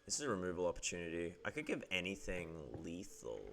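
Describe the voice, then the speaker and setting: A man's voice: sits low, lively intonation, quick pace, a bit bright. A man giving casual, playful commentary while playing a card game, thinking aloud and bursting into squeals and laughter. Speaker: gameplay streamer.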